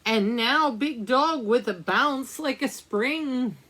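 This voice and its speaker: A woman librarian reads a children's picture book aloud, pausing to ask the young listeners questions and add asides. Her tone is sharp and high-pitched, and she reads slowly.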